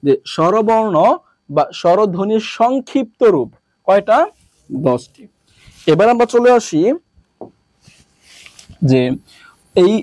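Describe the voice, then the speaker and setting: A male teacher from Bangladesh drills his students, firing off questions and then answering them himself, dropping to a lower voice. His voice sits high, and it is recorded close and dry with no room sound. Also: darkish tone, dry recording. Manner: repetitive, drilling. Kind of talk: classroom lesson.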